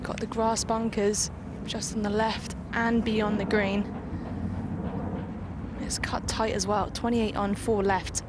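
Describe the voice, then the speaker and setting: A woman gives on-course golf commentary in a flat, even voice of average pitch. Loud outdoor ambient noise surrounds her. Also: slow.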